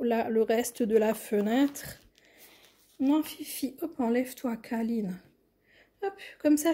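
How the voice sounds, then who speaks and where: A woman's voice: a little high, mellow, husky. A French-accented woman chatting casually as she unboxes a craft kit, enthusiastic and often dropping to a near whisper. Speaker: craft vlogger.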